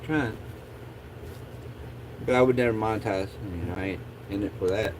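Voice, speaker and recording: A man's voice: lowish voice, normal speed, darkish tone, slight background noise, poor audio. A man chatting casually as a livestream host in a laid-back, rambling stoner drawl.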